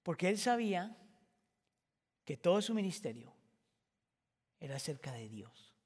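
A man preaching a sermon as pastor, moving from quiet reflection to impassioned shouting. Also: high-pitched, very animated, a little slow, husky, in a large hall.

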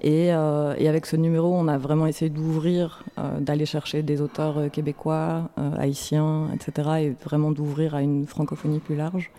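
Woman guest on radio, flat mellow voice, lots of euhs. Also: low-pitched, normal speed, few pauses. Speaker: guest, magazine collective member. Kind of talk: radio interview answer.

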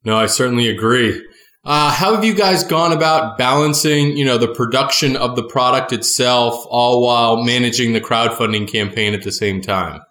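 A man's voice: medium pitch, moderate pace, bright, forceful tone. Man hosting a podcast in an echoey room. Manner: affirming, complimentary interviewer. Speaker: podcast host. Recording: roomy echo.

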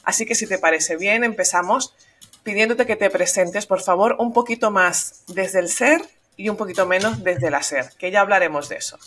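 A woman's voice: mid-range voice, normal speed, a bit bright, a little hiss or hum. A woman from Venezuela hosting a podcast interview, chatty and affirming toward her guest. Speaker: podcast host. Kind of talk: conversational interviewing.

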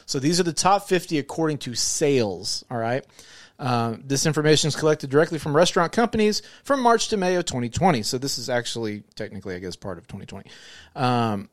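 A man's voice: medium pitch, expressive, brisk, dry recording, studio quality. A man co-hosting a podcast in natural, unscripted talk, joking and speaking straight to the listeners. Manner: jokey, addresses listeners directly. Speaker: podcast co-host.

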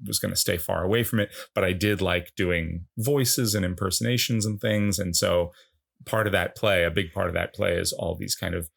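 A man's voice: low voice, normal speed, vocal fry, breathy edge. A middle-aged man, a podcast co-host, telling self-deprecating stories in casual chat. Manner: storytelling, self-deprecating, animated quoting.

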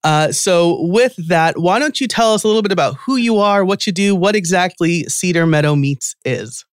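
A man's voice: high voice, expressive, normal speed, clear, resonant tone, no echo, clean studio sound. A man with a New York accent hosting a podcast, upbeat and enthusiastic, laughing easily. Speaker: podcast host. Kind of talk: casual podcast chat.

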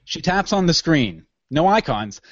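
A man's voice: on the high side, big pitch swings, measured pace, no echo, highs cut off. A man narrating scene directions in a matter-of-fact way for an audio drama.

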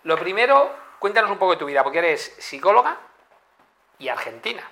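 A man's voice: high-pitched, sing-song, brisk, sharp tone. A man hosting a TV interview, eagerly prompting his guest with questions and remarks. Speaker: TV interview host.

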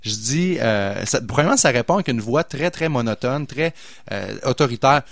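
A man's voice: mid-range voice, moderate pace, vocal fry, no room sound, studio quality. A middle-aged man with a Québécois accent, hosting a podcast and telling a story in a chatty way, acting out the lines of the people he met, with lots of fillers. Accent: Québécois French. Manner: animated anecdote-teller, acts out dialogue, many fillers. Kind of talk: casual storytelling chat.

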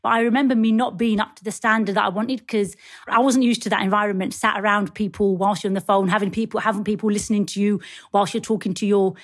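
A woman's voice: mid-range voice, steady tone, fast talker. A woman, a guest advisor, talking earnestly and reflectively about her work in a casual interview.

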